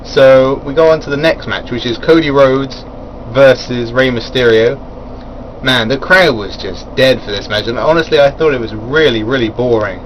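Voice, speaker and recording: Dull audio captures a wrestling reviewer casually talking through an event at a moderate pace in an everyday middle pitch. He rambles, restarts, says um a lot and chuckles at his own side comments while air conditioning hums faintly underneath.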